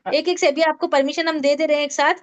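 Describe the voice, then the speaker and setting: Woman, recitation teacher, high voice, quizzing students, slow syllable drills. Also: steady tone, muffled recording. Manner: drills syllables slowly, asks students questions. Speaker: Tajweed teacher. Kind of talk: online class instruction.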